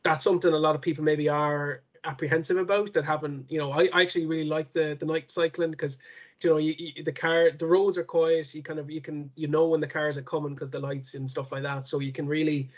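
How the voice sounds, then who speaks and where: A man with a west of Ireland accent, chatting casually as an interview guest in a halting way, often repeating words. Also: a little high, little pitch movement. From Connemara, west of Ireland. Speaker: interview guest, ultra cyclist.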